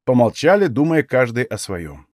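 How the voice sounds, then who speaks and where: A man narrating a first-person story with lively, shifting intonation. His voice is medium in pitch and recorded close and dry. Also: moderate pace, dry recording. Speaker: audiobook narrator.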